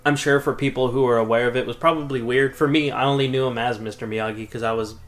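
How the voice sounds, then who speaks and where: A man's voice: mid-range voice, fairly even intonation, fast, fairly bright tone. A man in his thirties co-hosting a podcast, chatting casually about a movie, laid-back and profane, often laughing. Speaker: podcast co-host.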